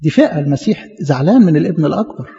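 A man's voice: on the high side, animated, very fast, gravelly, warm tone. A male priest with an Egyptian Arabic accent preaching a sermon, passionately acting out biblical dialogue with his voice rising. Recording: dull audio with long church reverb.

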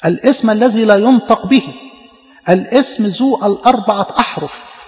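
A man's voice: high voice, moderate pace, darkish tone. A man preaching with an Egyptian Arabic accent, explaining emphatically and stumbling over repeated words. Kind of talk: sermon teaching. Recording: echoey hall, muffled lo-fi.

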